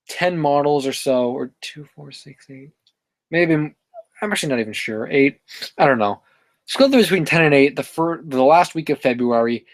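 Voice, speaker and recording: Male streamer host, mid-pitched, loose and rambling with lots of fillers, dry close sound. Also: no room sound. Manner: rambling, many fillers and self-corrections. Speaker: livestream host reading chat. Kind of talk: casual live-stream chat.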